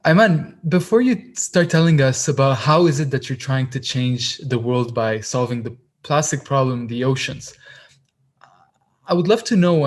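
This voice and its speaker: A man hosting an engineering podcast, welcoming his guest and asking long, eager questions. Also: medium pitch. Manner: enthusiastic, wordy questions. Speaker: podcast host. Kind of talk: podcast interviewing.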